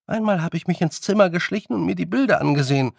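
A man voicing a very small, eager fairy man who rushes through his stories. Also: animated, gravelly, dry recording, clean studio sound, full character voice. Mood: rushing. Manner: eager, rushing, high-pitched.

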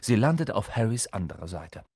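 Male audiobook narrator, husky, animated delivery, dry close recording. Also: fairly low pitch, a little fast, dry recording. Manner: expressive, dramatic storytelling.

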